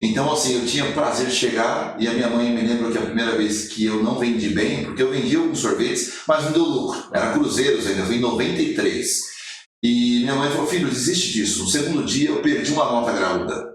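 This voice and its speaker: A man in his forties, a podcast guest and motivational speaker, telling his life story in an animated way and acting out the quoted lines. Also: mid-range voice, fast, very echoey, far from the mic. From Brazil. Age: 40s.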